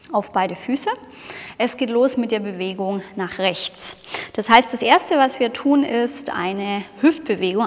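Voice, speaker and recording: A woman teaching a hip movement class, counting and cueing each move with encouraging words. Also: mid-range voice. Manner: encouraging, counts and cues the moves, often says "wonderful". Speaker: dance instructor. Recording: long hall reverb.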